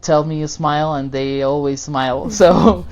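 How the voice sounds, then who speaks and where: A Costa Rican dentist in his 20s chats informally about his job as a podcast guest, answering interview questions in a friendly way with loosely phrased non-native English. He speaks at a normal speed in a fairly high voice, and the sound is lo-fi.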